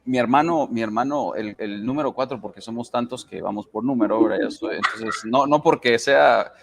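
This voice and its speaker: A man's voice: medium pitch, moderate pace, vocal fry. A man on a church panel telling a family story, hesitant and heartfelt, with many fillers. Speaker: panel guest.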